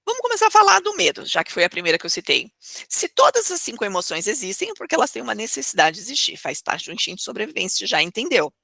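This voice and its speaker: Woman, motivational lesson, rhetorical questions, bright forceful tone, dry close mic. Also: mid-range voice, quick pace, vocal fry, no room sound. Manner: expressive, rhetorical questions, acts out inner thoughts. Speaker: emotional coach. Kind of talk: motivational teaching talk.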